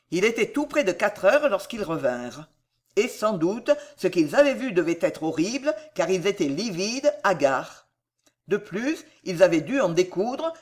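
Audiobook narrator: slow, dramatic, very expressive delivery. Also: mid-range voice. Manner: slow, lively dramatic reading. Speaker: audiobook reader.

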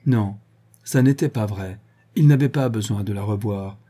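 An audiobook reader narrates a scripted novel in a measured, even storytelling style, his voice fairly low and slightly rough.

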